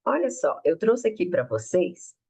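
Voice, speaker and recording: A woman from Brazil teaching an English lesson, clearly modeling words for learners to repeat. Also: lowish voice, big pitch swings, unhurried, darkish tone, rough recording. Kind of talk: recorded online lesson narration.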